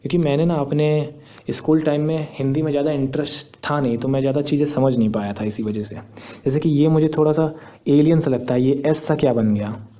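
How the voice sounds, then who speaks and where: A man's voice: fairly high pitch, fairly even intonation, a little fast, mellow. A young man, patiently explaining step by step in a screen tutorial. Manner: patient, step-by-step, repeats points. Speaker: teacher.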